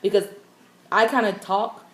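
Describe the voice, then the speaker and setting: A woman's voice: medium pitch, steady tone, unhurried. A woman guest in a casual chat who speaks bluntly and says exactly what she means. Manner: blunt, straightforward. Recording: echoey room.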